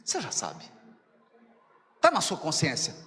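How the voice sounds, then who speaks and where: A man with a Mineiro Brazilian accent giving a spiritual lecture, animated and acting out little dialogues as he talks to his audience. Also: a little high, a little slow, big-room sound. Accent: Mineiro Brazilian Portuguese. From Minas Gerais, Brazil. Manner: animated, acts out dialogues, addresses the audience directly.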